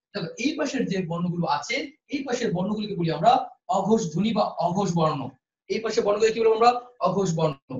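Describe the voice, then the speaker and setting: Fast high-voiced male teacher, echoey. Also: a bit bright, lo-fi sound. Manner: quizzes students with questions and repeats answers. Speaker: Bangla teacher for admission prep. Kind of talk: online class lecture.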